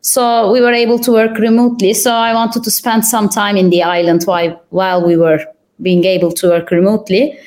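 Young adult woman from Turkey, interview guest; unhurried, reflective answers broken by fillers. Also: medium pitch, flat delivery, a little mellow. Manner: thoughtful, pauses with frequent fillers. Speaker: podcast guest.

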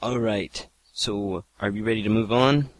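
A man hosting a podcast, moving the chat along with dry, low-key remarks. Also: unhurried, no echo. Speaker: podcast host. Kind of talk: casual chat.

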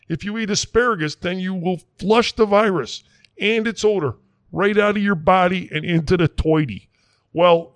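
Guy doing a rambling quack doc, folksy and sure of himself, fairly high voice. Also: no echo, studio quality. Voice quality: folksy, rambling, self-assured. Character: folksy small-town Wisconsin "doctor", middle-aged man. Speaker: comic character in a mock interview.

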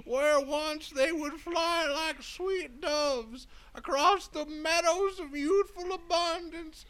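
Casting: a very old, frail woodland hermit, slow and high-pitched, melodramatic, flowery complainer for comic audio drama. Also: male voice, fairly even intonation, fairly bright tone, full character voice. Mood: melodramatic lament. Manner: grandiloquent, wailing, drawn-out complaints in flowery speech.

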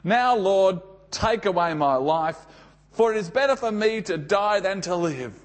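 A man's voice: sits high, expressive, unhurried. An Australian man voicing a furious, petulant prophet who complains indignantly to God in a sermon's Bible story. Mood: bitter.

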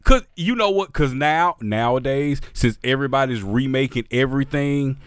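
A man's voice: medium pitch, normal speed, smooth, no room sound, clean studio sound. An American man chatting casually as a podcast host, slangy and emphatic, often repeating phrases for effect. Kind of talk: casual chat.

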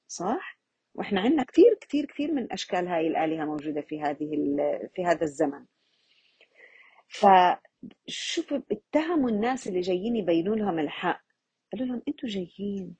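A woman's voice: mid-range voice, a little mellow, breathy edge, no room sound, dull audio. A woman gives an informal Quran reflection lesson, talking conversationally and asking her listeners rhetorical questions. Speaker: religious teacher.

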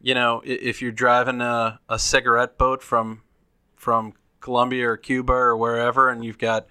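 Bright-voiced man in casual chat. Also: medium pitch, level tone, normal speed, clean tone, dry recording. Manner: rambling, restarts thoughts, speculative. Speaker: podcast co-host.

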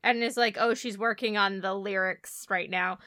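Bright-voiced young woman joking on a podcast. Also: mid-range voice, steady tone, moderate pace, no room sound, clean studio sound. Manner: emphatic, jokey, laughs into her lines. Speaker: podcast co-host. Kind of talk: casual movie recap chat.

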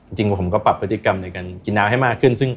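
A man's voice: on the low side, racing, a little hiss or hum. A man speaking as an interview guest, earnestly sharing personal experience and advice in a casual chat. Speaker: interview guest, recreational runner.

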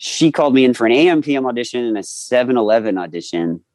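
A man in his forties, a voice actor telling animated anecdotes in a casual interview and acting out the people he quotes. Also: medium pitch, fast talker, no room sound. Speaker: voice actor guest.

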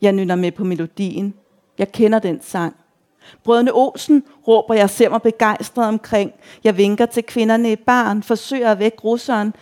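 A woman reads a first-person literary story aloud in an even, measured way. When her narrator shouts, she lifts her voice noticeably higher and louder. Her pitch otherwise sits in a middle range for a woman. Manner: measured reading, quoted shouts raised high and loud.

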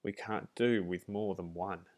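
A man's voice: low-pitched, steady tone, a little slow, a little mellow. A man voicing a stern old female head nurse bee in a storybook, speaking in a scolding, bossy way. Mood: firm.

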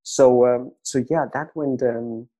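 A man's voice: medium pitch, fairly even intonation, slow, dark tone. A middle-aged man with a Danish accent, an author telling stories in an interview, often repeating words as he starts a sentence. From Denmark. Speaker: author guest. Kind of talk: conversational storytelling interview.

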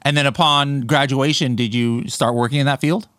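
A man's voice: medium pitch, fairly even intonation, normal speed, a bit bright, dry recording, clean studio sound. A man hosting an unscripted podcast interview, talking loosely with lots of fillers and restarts. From United States. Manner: rambling, with many fillers and restarts. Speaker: podcast host.

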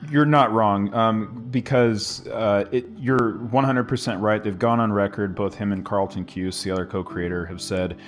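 A man's voice: lowish voice, fairly even intonation, moderate pace, few pauses. A man co-hosting a casual TV podcast, explaining his theories with many hesitant ums. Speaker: podcast co-host. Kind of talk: casual chat.

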